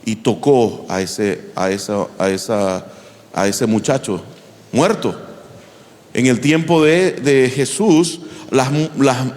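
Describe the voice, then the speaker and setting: A man preaching a sermon in an animated style, with a fairly high voice. He often turns to the congregation with questions. His voice rings out with a long reverb, as if recorded in a large church hall. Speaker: pastor.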